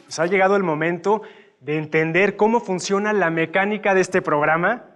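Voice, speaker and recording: A man's voice: sits high, normal speed, a bit bright, faint music behind. A man hosting a televised student debate show, presenting in an upbeat, announcer-like way. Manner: enthusiastic, announcer-like introductions.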